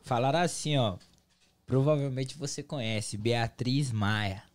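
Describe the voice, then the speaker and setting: A man's voice: mid-range voice, a little slow, crowd noise. A young man with a Brazilian Portuguese accent co-hosting a casual chat, chipping in with slang and swearing. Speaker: co-host.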